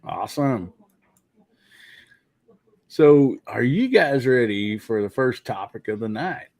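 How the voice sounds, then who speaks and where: A man's voice: medium pitch, lively intonation, slow, vocal fry, a little mellow, dry recording. A man hosting a casual live podcast, rambling with lots of fillers. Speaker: podcast host.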